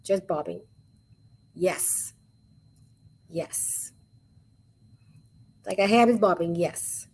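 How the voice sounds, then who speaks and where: Slow, husky woman teaching signs. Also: fairly low pitch. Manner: slow, patient, repeats each word softly while demonstrating signs. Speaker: sign language teacher. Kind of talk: online webinar lesson.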